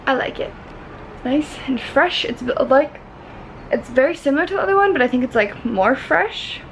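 A woman's voice: sits high, animated, normal speed, slight background noise, poor audio. A young woman rambling through a casual vlog unboxing, chatty and full of "like". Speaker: beauty vlogger.

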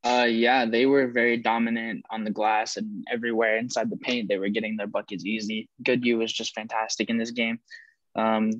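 A young man giving a plain, steady sports analysis as a guest on a video call. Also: lowish voice, a little fast, no room sound. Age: young adult. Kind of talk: sports recap chat. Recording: dull, dry video-call audio.

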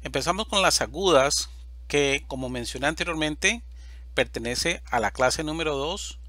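Bright, dry-voiced male Spanish teacher. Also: a little high, no echo. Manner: slow, deliberate, stresses example words loudly. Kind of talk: slide-based grammar lesson.

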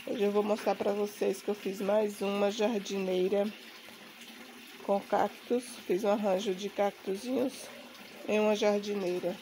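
A Brazilian woman with a mid-pitched voice, recovering from the flu, talks casually as she gives a show-and-tell. She is recorded outdoors in a home garden on a handheld phone. A faint noise like running water sits behind her voice. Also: little pitch movement, a little slow, mellow, poor audio. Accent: Brazilian Portuguese. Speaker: gardening vlogger.

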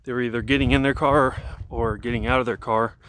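With a bit of hiss or hum on the recording, a medium-pitched man talks fairly quickly while descending a mountain trail. In his thirties, this hiker vlogger holds his camera at arm's length and rambles casually, using fillers and restarts.

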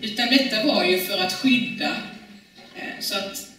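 A woman's voice: medium pitch, sharp tone, heavy reverb, recorded from a distance, low-quality recording. A woman preaching a sermon in a church, talking in a conversational way with many fillers and restarts.

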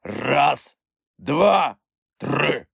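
A haughty, menacing antlion who sneers and growls threats, played by a man. His delivery is lively, rising and falling, and the sound is close and dry. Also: a little high, drawn-out words, vocal fry, husky, no echo, voice pushed up, heavily acted. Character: fierce boastful male antlion, menacing. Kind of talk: audiobook character voice.

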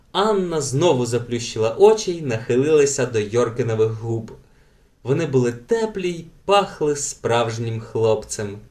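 A man reading a children's audiobook aloud with gentle, animated storytelling. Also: medium pitch. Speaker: audiobook narrator.

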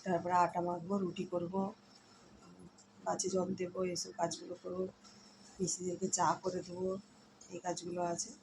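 A woman's voice: fairly low pitch, completely flat delivery, normal speed, long pauses, background noise. A woman from India in casual daily vlog chat, tired from the heat, giving a running commentary on her chores at home. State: hot and tired. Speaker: vlogger. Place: home kitchen and rooms.

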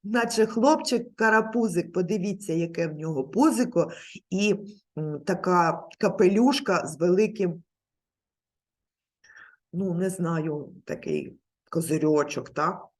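A woman leads a literacy lesson for small children, gentle and coaxing in manner. She speaks unhurriedly, her pitch rising and falling in a lively, sing-song way. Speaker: kindergarten teacher.

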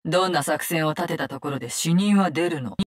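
Low-pitched and fairly quick, this female voice belongs to an actress playing a poison-using assassin in a Japanese-dubbed game. Cold, bitter, and vengeful, she speaks in short, commanding lines laced with contempt.

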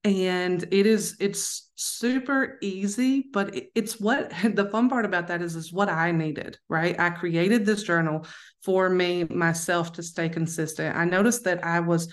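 Southern woman, slightly low voice, frank upbeat coach, casual interview guest. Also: fairly even intonation, measured pace. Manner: frank, upbeat, many restarts and "right?".

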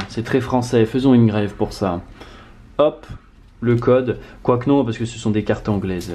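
Excitable man opening card packs at home. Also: medium pitch. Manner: animated, excitable, swings from muttering to loud exclamations. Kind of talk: casual card-opening vlog. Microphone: camera mic on tripod.

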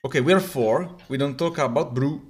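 Speaking fairly quickly in a mid-range voice, a young man from Italy chats and cracks jokes during a live stream from a small home room, often tripping on his words in an Italian accent. There's slight background noise, and the webcam shows him wearing headphones.

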